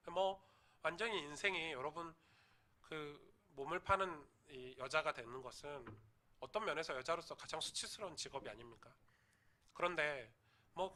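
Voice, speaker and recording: Guy pastor preaching in church, fairly high voice, super bright and sharp, tells stories, gets loud on the big points. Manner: storytelling sermon that swells to loud emphasis; addresses the congregation directly with questions. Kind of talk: sermon.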